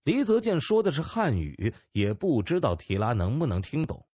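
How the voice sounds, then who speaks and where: A man reading a novel aloud as audiobook narrator, in expressive storytelling style. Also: medium pitch, moderate pace, husky, dry recording. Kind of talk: scripted narration.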